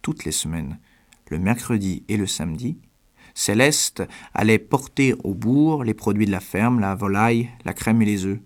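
Homme, voix grave, lecture de conte posée, pauses longues. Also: male voice, fairly low pitch, expressive. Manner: measured, with long pauses between phrases. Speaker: narrator. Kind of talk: audiobook reading of a classic story.

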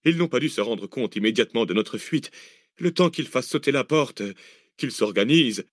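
A man reading an audiobook, voicing a calm, authoritative man who gives measured orders. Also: medium pitch, no room sound, studio quality, lightly acted. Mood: commanding. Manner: measured, commanding. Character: calm, authoritative older man, cool-headed planner. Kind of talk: audiobook character voice.

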